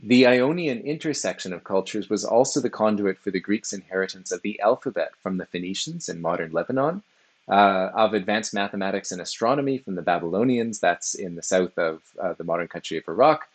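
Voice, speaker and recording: Measured male lecturer with a low voice. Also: lively intonation. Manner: measured, explanatory, with frequent "uh" fillers. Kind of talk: recorded philosophy lecture.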